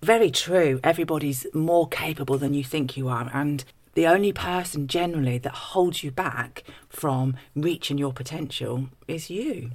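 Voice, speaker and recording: A woman's voice: sits low, moderate pace, darkish tone. A woman co-hosting a podcast in a conversational way, giving encouraging, practical advice like a life coach.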